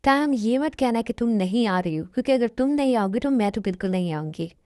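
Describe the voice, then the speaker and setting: A woman's voice: a little high, expressive, fairly quick, a little mellow, no echo, clean studio sound, natural voice. A woman voicing a bossy, teasing young sister who scolds, in a fan dub. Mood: scolding.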